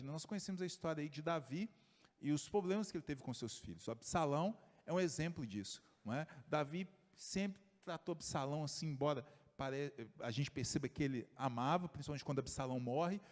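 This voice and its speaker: A man preaching a sermon as pastor, telling stories and dropping his voice low and soft for the people he quotes. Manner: storytelling, voice drops low and soft for quoted figures. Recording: long church reverb.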